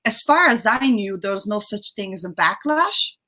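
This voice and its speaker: A young woman from Brazil, a guest in a casual interview, chatty and laughing often, with halting restarts. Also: medium pitch, animated, bright, forceful tone. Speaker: guest, YouTube creator.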